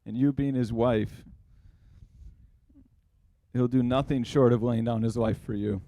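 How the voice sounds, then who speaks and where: A young man with a mid-range voice gives a sincere wedding toast for his younger brother. He speaks earnestly and warmly to the couple. The sound is dry and close. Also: medium pitch, fairly even intonation, a little slow, dry recording. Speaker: older brother of the groom giving a toast.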